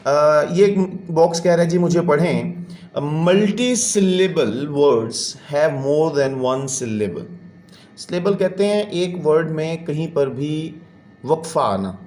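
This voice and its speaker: A man's voice: a little high, darkish tone, echoey room. A man, teaching a classroom lesson and explaining patiently step by step. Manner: patient, explains step by step, counts syllables aloud.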